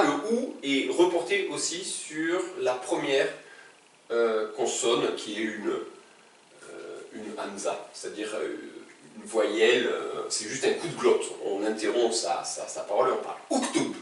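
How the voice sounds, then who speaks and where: A man gives a patient classroom lesson at an unhurried pace, his high, lively voice rising and falling as he checks that everyone follows. The sound is bright and clear in tone. He is picked up from a distance in a very echoey room. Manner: patient, checks understanding often. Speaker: Arabic teacher.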